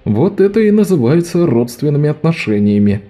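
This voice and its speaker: A man's voice: a little high, very animated, brisk, warm tone, faint music behind, voice pushed up. A man voicing a wry fatalistic con man. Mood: tender.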